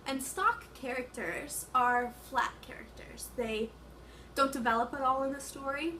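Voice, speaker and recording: A woman's voice: sits high, measured pace, pushed and bright, a little hiss or hum. A young woman giving a casual, hesitant class presentation, with many fillers. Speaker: student presenter.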